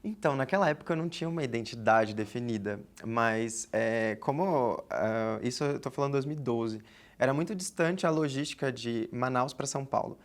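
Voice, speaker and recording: Man, twenties, from the Amazon region, talkative interview guest, relaxed and reflective. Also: mid-range voice, brisk. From Amazonas, Brazil. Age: 20s. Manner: chatty, reflective, many "né" fillers. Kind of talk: casual interview talk.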